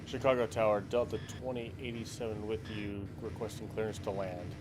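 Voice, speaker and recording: A man's voice: lowish voice, little pitch movement, background noise. Man making cockpit headset radio calls. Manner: brisk clipped radio phraseology. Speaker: flight sim pilot streamer.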